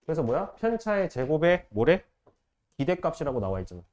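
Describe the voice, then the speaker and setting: A man teaching math to a class, firing short questions at students and repeating key phrases slowly. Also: a little high, big pitch swings, darkish tone. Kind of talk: classroom lecture.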